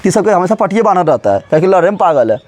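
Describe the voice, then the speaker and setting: High-voiced male teacher. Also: racing, no echo. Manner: animated, asks students constant questions, acts out elements as characters. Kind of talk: classroom chemistry lesson.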